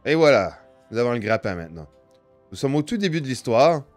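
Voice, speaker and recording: A man's voice: medium pitch, big pitch swings, brisk, faint music behind. A man with a Canadian French accent playing a video game, reading its story and tutorial text aloud and sometimes stumbling over the words. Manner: reads on-screen text aloud, stumbling and restarting. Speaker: gaming video host.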